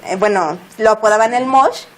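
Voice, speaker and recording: A woman with a Mexican Spanish accent, a guest telling a story in casual chat, animated and laughing as she acts out what people said. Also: a little high, moderate pace.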